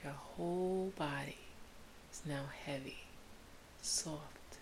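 A woman guiding a sleep meditation in a soft, soothing spa-like whisper. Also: deep voice, slow, creaky, rough recording. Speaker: meditation guide. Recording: hissy background noise.

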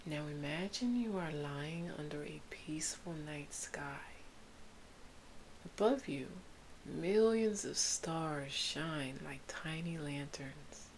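Woman doing soft spa whisper sleep meditation, low n really slow, bit of hiss. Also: expressive, rough recording. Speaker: meditation guide. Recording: hissy background noise.

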